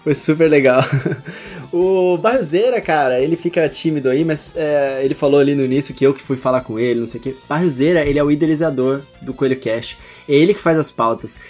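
A man's voice: fairly high pitch, a little fast, a little mellow, faint music behind. A Brazilian man talking casually as a guest on a podcast.

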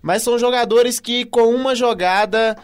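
A man with a high voice comments on a live football match. He gives analysis of the play as part of the commentary team. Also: steady tone, moderate pace, clean tone.

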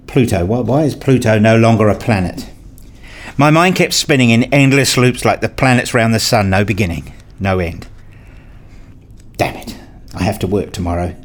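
A lowish male voice, close to how he normally talks, carries the first-person narration and dialogue of a radio play. He is both narrator and lead, a brooding, rule-obsessed husband and father who speaks introspectively and pedantically.

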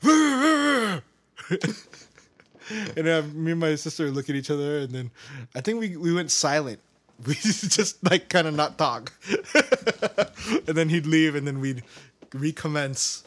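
His voice is on the high side and a bit bright, with big pitch swings, a slow pace, and long pauses. He's a co-host on a casual chat podcast, rambling and laughing often, recorded through a cheap makeshift mic.

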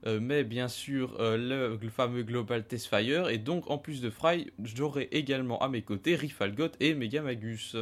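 A man's voice: medium pitch, normal speed, few pauses. A man hosting a casual retro gaming podcast discussion, talking with many hesitant fillers. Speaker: podcast host.

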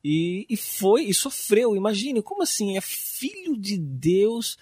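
A Brazilian man with a slightly raised pitch talks through matters of faith in an earnest, reflective way. He draws his words out and leans on fillers. The sound is close and dry. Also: very animated, takes it slowly, a little mellow, breathy edge, no room sound. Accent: Brazilian Portuguese. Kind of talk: casual faith discussion.

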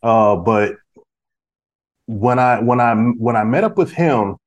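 A man in his forties, guesting on a podcast, speaks slowly but animatedly in a medium-pitched voice. The conversation is casual and meandering, with lots of restarts, filler words and street slang.

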